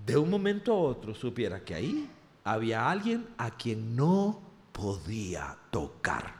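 A man with a Costa Rican accent preaching, telling a humorous personal story in an animated way. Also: mid-range voice, a little slow. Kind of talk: storytelling sermon. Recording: reverberant hall.

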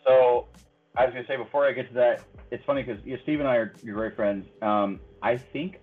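A man's voice: medium pitch, brisk, phone-quality sound, faint music behind. A man in his thirties, a guest on a podcast, telling stories in a friendly way and laughing often. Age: 30s. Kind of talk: casual interview chat.

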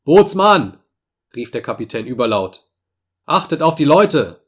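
A man reading a story voices a tyrannical ship captain barking loud orders at his crew. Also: on the low side, fairly even intonation, fast, natural voice. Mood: furious.

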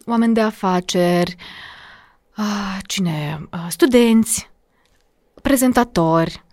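A woman's voice: mid-range voice, no room sound, studio quality. A woman from Moldova, a diction coach talking as a podcast guest and acting out her examples. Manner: animated, acts out examples. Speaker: diction and public speaking coach.

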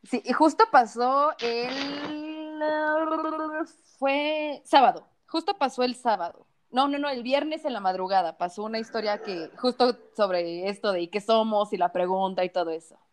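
A woman with a Mexican Spanish accent, co-hosting a casual podcast chat, slangy and quick to laugh as she tells stories. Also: on the high side, a little hiss or hum. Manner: slangy, laughing storyteller, fills with "o sea". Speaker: podcast co-host.

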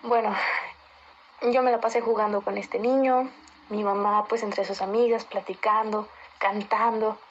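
A woman's voice: mid-range voice, fairly even intonation, a little slow. Chatty woman, lo-fi recording. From Mexico. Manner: chatty, meandering with fillers. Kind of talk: casual personal account. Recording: dull lo-fi recording with faint noise.

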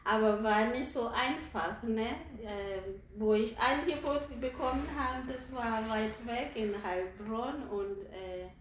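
Woman, from Kenya, non-native German, slow and halting, fillers, roomy sound. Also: on the high side, a little hiss or hum. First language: not German. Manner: hesitant, many fillers and tag questions. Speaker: interviewee. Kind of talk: conversational interview.

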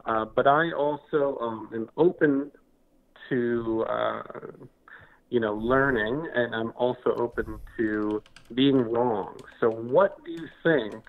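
A man calling in to a talk show over the phone, halting and stammering with many restarts. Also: mid-range voice. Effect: heard over the phone. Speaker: caller. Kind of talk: call-in radio talk. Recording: tinny phone line.

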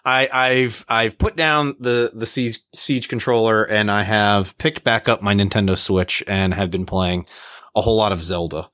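A man co-hosting a gaming podcast, with a low voice and a dry, close sound. He rambles playfully from one thought to the next. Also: moderate pace, a bit bright, dry recording. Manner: playful, rambling, laughs often. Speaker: podcast co-host. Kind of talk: casual chat.

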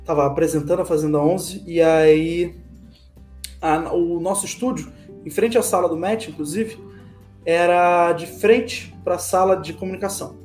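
A man telling a story in casual conversation, lively and acting out the dialogue he quotes. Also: high-pitched, normal speed, echoey room, faint music behind. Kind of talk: animated anecdote telling.

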